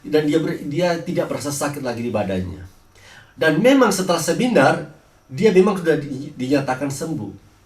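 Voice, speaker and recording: A man's voice: on the high side, expressive, moderate pace, a little mellow, echoey room, far from the mic. A man preaching a sermon, telling healing stories with frequent restarts and hesitations. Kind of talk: sermon with personal healing testimony.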